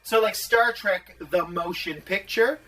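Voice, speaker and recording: Bright-voiced playful man. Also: high voice, a little slow, recorded from a distance. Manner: playful, laughing easily. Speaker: podcast co-host. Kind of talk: casual comedic chat.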